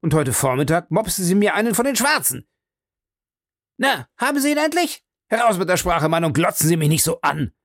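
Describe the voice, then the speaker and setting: A man voicing an angry middle-aged country gentleman who rants fast, in a broad West Country dialect. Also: high voice, very animated, dry recording, clean studio sound, pitched above the performer's own voice, full character voice. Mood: furious. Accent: broad West Country dialect (as told). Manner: furious, fast, shouting complaints.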